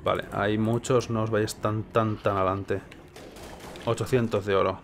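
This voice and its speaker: A gaming video host from Spain talks through casual gameplay with a Castilian accent, thinking aloud and questioning himself. His voice is on the low side and gravelly, with a flat delivery at a moderate pace. A faint hiss or hum sits under the recording.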